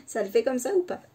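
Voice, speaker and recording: A woman scrapbooking vlogger giving a casual show-and-tell of her craft project, unhurried and hesitant, thinking aloud as she shows each item. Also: fairly high pitch, heavy background noise.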